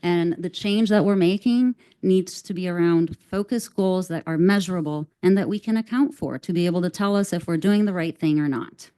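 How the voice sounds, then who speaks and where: A woman's voice: lowish voice, mellow, smooth. Earnest woman presenting to a board. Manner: measured, earnest, with occasional "um". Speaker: district staff presenter. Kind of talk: formal presentation at a school board meeting. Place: school board meeting room.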